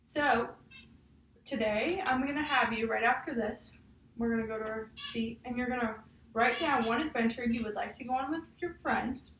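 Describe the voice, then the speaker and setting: With a fairly high, fairly bright voice and a moderate pace, a woman teacher walks a child through a picture book during a read-aloud. Her style is guiding, and she regularly closes statements with "huh?" to check the child agrees. Faint noise and a roomy sound come through the distant microphone.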